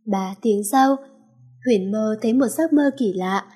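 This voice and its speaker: A woman reads a serialized novel aloud in a plain, even voice. She pitches it a little higher than most women and keeps a steady storytelling flow. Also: a little slow, slightly rough.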